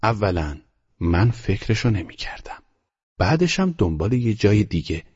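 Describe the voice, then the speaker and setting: A man voicing a bossy, practical older housekeeper in an audiobook, speaking in a brisk, commanding way. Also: lowish voice, big pitch swings, a little mellow, husky, lo-fi sound, pitched above the performer's own voice. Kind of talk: audiobook character reading.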